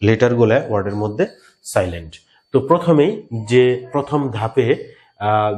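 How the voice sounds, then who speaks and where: A man's voice: medium pitch, a little mellow. Patient Bangladeshi man teaching pronunciation. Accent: Bangladeshi Bengali. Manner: patient, repeats key words, slows to pronounce examples. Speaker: English teacher. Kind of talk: explaining a grammar lesson.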